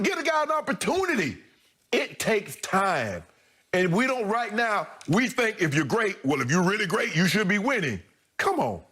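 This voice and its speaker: A man co-hosting a sports debate show, arguing emphatically with rhetorical questions. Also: high voice. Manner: emphatic, rhetorical, pushes back forcefully. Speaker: co-host.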